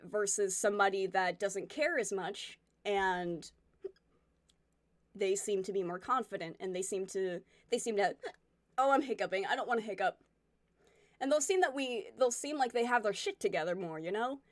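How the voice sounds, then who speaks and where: A woman's voice: mid-range voice, no room sound, clean studio sound. A woman in her twenties chatting casually with her stream viewers, candid and rambling as she reflects and reacts to comments. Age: 20s.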